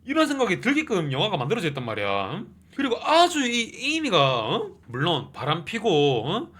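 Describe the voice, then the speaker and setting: Animated man recapping a movie. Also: high-pitched, a little fast, breathy edge. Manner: animated, keeps adding a questioning "eh?". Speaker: movie review channel host. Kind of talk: casual movie plot recap.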